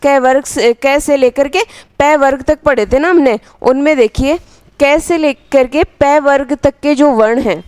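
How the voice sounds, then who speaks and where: A woman teaching a grammar lesson, asking the class questions and answering them herself, repeating phrases slowly for dictation. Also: high voice, a little mellow, dry recording.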